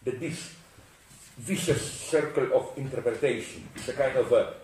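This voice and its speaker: A man's voice: mid-range voice, moderate pace, darkish tone, slight background noise. A man from Slovenia giving a philosophical lecture, digressive and self-interrupting with frequent asides. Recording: echoey room from far off.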